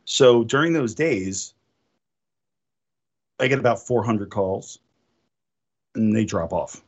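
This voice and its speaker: A man's voice: fairly low pitch, expressive, slow pace. A man chatting casually on a group call, joking and laughing often, from the American North. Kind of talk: casual chat.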